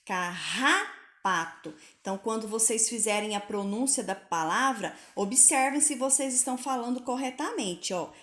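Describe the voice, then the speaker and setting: A woman teaching Portuguese spelling to pupils in a recorded lesson, patient and clear, sounding out each word slowly. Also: a little high, roomy sound.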